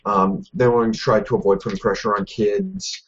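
A man's voice: fairly low pitch, animated, brisk, a little hiss or hum. A man co-hosting a gaming news podcast, talking casually with many ums and self-deprecating jokes. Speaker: podcast co-host. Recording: dull lo-fi podcast audio.

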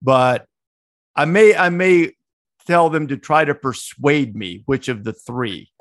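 On a studio-quality recording free of room sound, a middle-aged co-host talks college football at a slow pace. His voice is fairly bright and on the high side, and his chat wanders with plenty of restarts.

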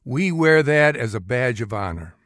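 A man's voice: medium pitch, expressive, moderate pace, fairly bright tone, no echo, clean studio sound, natural voice. A man playing a folksy, upbeat and evasive corporate spokesman in a comedy radio interview. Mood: breezy, proud. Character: breezy, evasive corporate spokesman for an evil company. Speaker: interview guest, company spokesman.

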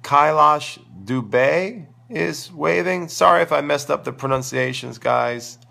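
A tennis coach hosting a live online show answers viewers in a casual, emphatic, opinionated way, his voice crackly and gravelly from a sore throat as he loses it. He speaks a little high and a little slow, with a bright, forceful tone.

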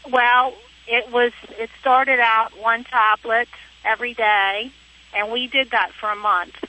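Calling a radio show from her car, a woman from Pennsylvania speaks a little slowly in a slightly high voice that is flat yet bright and forceful. The phone line sounds dull and lo-fi as she rambles chattily through her explanation.

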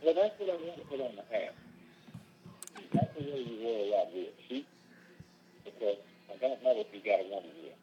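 A man calling in as a phone guest, joking dryly in casual banter. His voice comes through a quiet, muffled phone line that sounds like he is inside a barrel. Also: mid-range voice, lively intonation, a little fast, pauses often. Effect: muffled phone call that sounds like it is inside a barrel.

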